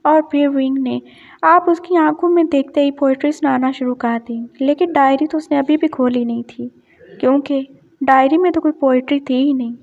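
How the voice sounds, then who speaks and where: A woman narrating an emotional story softly, with a Pakistani Urdu accent. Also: high-pitched, fairly even intonation, moderate pace. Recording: dull lo-fi sound.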